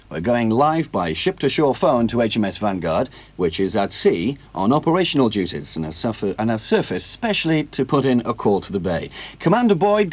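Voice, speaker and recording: A man presenting a morning radio show in a bright announcer-style delivery, heard as a tinny radio sound. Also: medium pitch. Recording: dull lo-fi radio broadcast.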